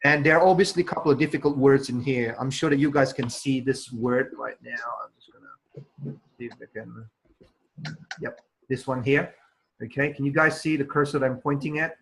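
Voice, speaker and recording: A man's voice: mid-range voice, steady tone, moderate pace, vocal fry, a little hiss or hum, rough recording. A man teaching an English test prep class over a video call, explaining at length with frequent fillers. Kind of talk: online class instruction.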